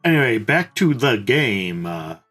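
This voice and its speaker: A man's voice: medium pitch, unhurried, faint music behind. Jokey young man commenting on a game. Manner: jokey, irreverent, deadpan asides. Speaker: let's play host.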